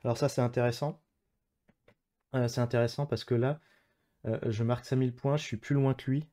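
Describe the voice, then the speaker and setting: A man with a warm, steady mid-range voice talks fairly quickly while playing an online geography guessing match. He commentates casually on his own game, thinking aloud in hesitant, piecemeal phrases.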